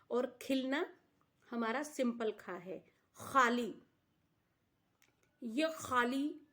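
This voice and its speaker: A woman teaching pronunciation, explaining, repeating each word and addressing viewers as her students. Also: on the high side. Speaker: Urdu teacher. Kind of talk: slow explanatory language lesson.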